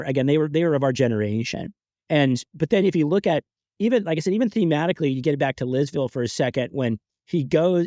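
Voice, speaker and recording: A man hosting a podcast in casual chat, excitable and rambling, laughing between thoughts, on a home podcast mic. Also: mid-range voice, no echo, muffled recording. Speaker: podcast host.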